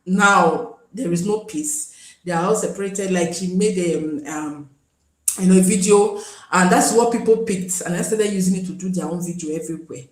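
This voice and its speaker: A woman's voice: fairly low pitch, normal speed, reverberant, low-quality recording. Chatty Nigerian woman hosting a live stream. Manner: pleading, chatty, switches into pidgin. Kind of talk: casual live stream talk.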